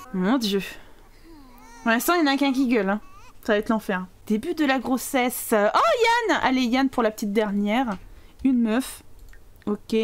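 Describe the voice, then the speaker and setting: A young woman doing let's play commentary, excitable, often laughing and yelling at the game with casual swearing. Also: a little high. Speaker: gaming channel host.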